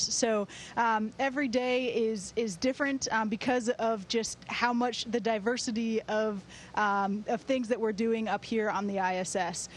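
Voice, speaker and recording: A woman with a slightly high voice explains things in a measured interview style, as an astronaut would. A faint rumbling noise sits behind her voice. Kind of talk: interview answers over a space-to-ground link. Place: aboard a space station. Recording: steady rumbling background noise on link.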